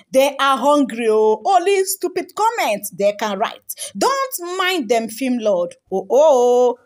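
A young woman with a Nigerian accent, narrating entertainment gossip over screenshots of comments. Her voice sits high and swings widely up and down, with bursts of laughter and Pidgin asides. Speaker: celebrity gossip presenter. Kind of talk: voice-over reading social media comments.

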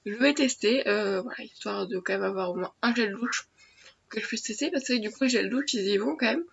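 With a gravelly, husky voice pitched fairly high, a teen girl talks a little fast in a casual daily unboxing vlog, restarting and filling pauses often. She's a beauty vlogger with a cold-stuffed nose, filming in her small attic bedroom. The built-in webcam mic produces dull, faintly noisy lo-fi audio.

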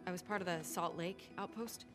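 A woman's voice: lowish voice, a little fast, over music, natural voice. An actress with an American accent playing a determined young woman survivor in a video game, speaking in an earnest, clipped way. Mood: hesitant, hopeful. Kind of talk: video game drama acting.

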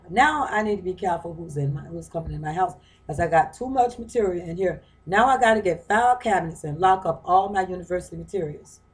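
A woman's voice: lowish voice, animated, quick pace, poor audio. Woman lecturing casually from a reading. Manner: conversational, repeats and restarts phrases, asks rhetorical questions. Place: her home.

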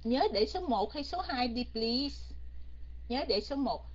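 Husky woman teaching English. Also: a little high, expressive, slow, dull audio. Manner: coaxing, keeps quizzing students, mixes in English. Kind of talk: online grammar lesson.

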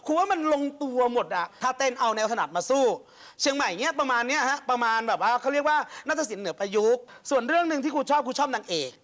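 A man giving a chatty, expressive critique as a judge in a TV studio. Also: very high voice, quick pace. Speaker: talent show judge. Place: TV studio with audience.

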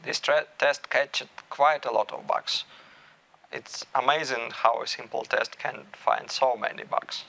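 A man in his thirties giving a technical talk at a meetup, measured and thinking aloud with small restarts. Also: medium pitch, fairly even intonation, creaky, pushed and bright, rough recording. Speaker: meetup speaker. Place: small room with stage curtains.

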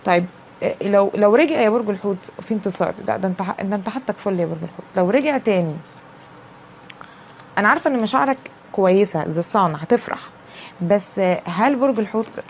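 A woman with an Egyptian Arabic accent giving a casual tarot reading, animated and repetitive, speaking straight to the viewer. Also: mid-range voice, dull audio, a little hiss or hum. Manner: animated, repeats herself, talks straight to the viewer. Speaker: tarot reader.

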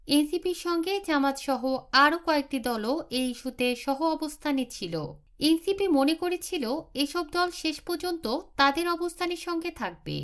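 A woman presents the news, her voice pitched high. She keeps a formal, even newsreader's delivery throughout, reading from a script.

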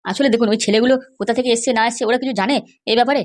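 A woman voicing a glib scheming fixer, rapid. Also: fairly high pitch. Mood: boastful. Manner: glib, boastful and reassuring. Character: scheming sly male fixer. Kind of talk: cartoon voice acting.

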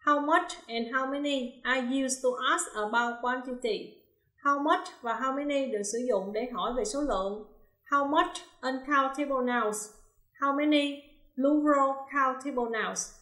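A woman teaching English in a recorded lesson, her voice sitting fairly high. She reads each example slowly and distinctly, then explains the answer in a steady, methodical way. The sound is roomy, with a noticeable echo. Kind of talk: recorded classroom lesson, explaining grammar exercises. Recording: roomy, echoey room.

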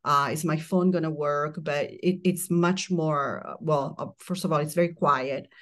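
A middle-aged woman from Italy, a guest in an interview, talking calmly and reflectively in long flowing phrases over a remote connection. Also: low-pitched, normal speed. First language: Italian. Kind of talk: casual interview chat. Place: remote mountain home, remote interview.

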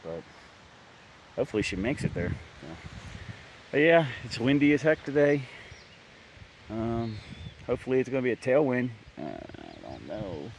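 A man's voice: mid-range voice, sing-song, normal speed, creaky, long pauses, slight background noise. A man recording a casual bikepacking vlog outdoors at a rural campground, talking candidly in a rambling way with many fillers and restarts. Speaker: bikepacking vlogger. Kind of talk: casual trail vlog to camera.

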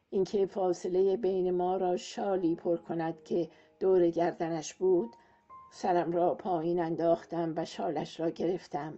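A woman giving a calm, measured scripted narration of a romance novel as an audiobook narrator. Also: fairly low pitch. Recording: muffled, soft music behind.

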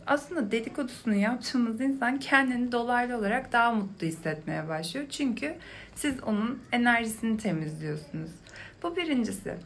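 Calm young woman explaining things. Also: fairly high pitch, a little hiss or hum. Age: young adult. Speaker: video creator. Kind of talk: explanatory talk to camera.

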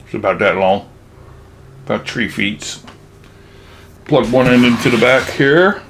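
A man's voice: medium pitch, unhurried. Older man, noisy casual home demo. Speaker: product demonstrator. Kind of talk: casual, rambling toy demo. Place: home kitchen. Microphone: camera a few feet away.

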